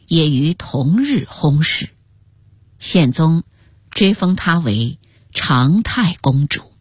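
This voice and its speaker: Female radio storyteller, lower-pitched, melodic delivery, hushed, dry close sound. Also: slightly rough, no room sound. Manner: slow, hushed, sometimes sinks into a whisper. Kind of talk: scripted radio story narration.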